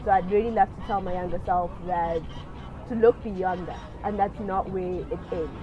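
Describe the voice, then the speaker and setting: A South African woman in her twenties from Johannesburg, speaking earnestly and in a measured way about her own story. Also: fairly low pitch, lo-fi sound. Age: 20s. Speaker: interviewee sharing her story. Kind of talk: personal testimony to camera.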